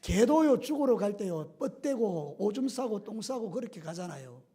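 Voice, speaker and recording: A middle-aged male pastor preaching a sermon with animated storytelling, acting out scenes and voices. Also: high-pitched, moderate pace, breathy edge.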